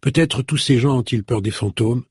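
A man with a husky voice voicing an eager, emotional young woman in an audiobook. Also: mid-range voice, normal speed, darkish tone, no echo, clean studio sound. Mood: musing.

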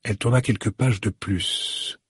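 A man narrating a novel as an audiobook, in a measured storytelling manner. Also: lowish voice, steady tone, fairly bright tone, breathy edge, no room sound, studio quality. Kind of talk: scripted narration.

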